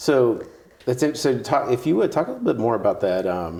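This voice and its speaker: A man as interviewer who asks his questions haltingly, thinking aloud and rephrasing as he goes. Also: medium pitch, wildly swooping pitch, vocal fry, darkish tone.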